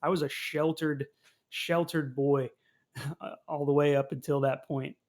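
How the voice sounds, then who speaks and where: A man's voice: a little high, fairly even intonation, a little slow. A man in his twenties, a podcast co-host, telling stories animatedly and laughing often in casual chat.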